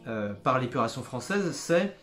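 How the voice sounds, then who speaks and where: A man giving a casual spoken book review, pausing often and restarting his sentences. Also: medium pitch, big pitch swings, over music. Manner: hesitant, many fillers and restarts; jokes about his own English accent.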